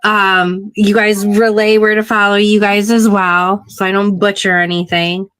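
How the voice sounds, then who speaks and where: Slow-talking woman podcast host. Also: medium pitch, flat delivery, a bit bright, clean tone. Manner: chatty, leads the questions. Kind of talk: casual chat.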